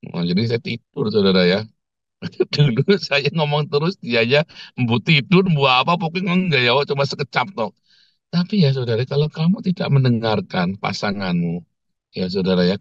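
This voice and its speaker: A man preaching a conversational sermon as a pastor, speaking with a tinge, animated and joking and often calling out to his listeners. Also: mid-range voice, no echo, dull audio. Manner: animated storyteller, jokes and laughs, keeps addressing listeners as brethren.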